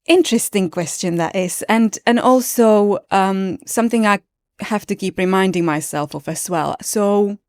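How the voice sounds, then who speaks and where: A yoga teacher from the Czech Republic, a woman in her late thirties with a Czech accent, chats casually as a podcast guest, earnest and reflective, often restarting her sentences. Her mid-range voice moves at normal speed, and the sound is clean studio quality with no room sound.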